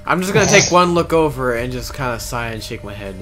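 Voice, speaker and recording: A man chatting as a player in an online tabletop game, halting and repeating words as he talks. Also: mid-range voice, animated, over music. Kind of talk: casual tabletop game chat.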